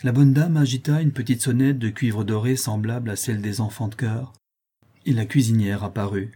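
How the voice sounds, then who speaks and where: Dark, husky male audiobook narrator. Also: medium pitch, fairly even intonation, moderate pace. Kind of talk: audiobook reading of a classic novel.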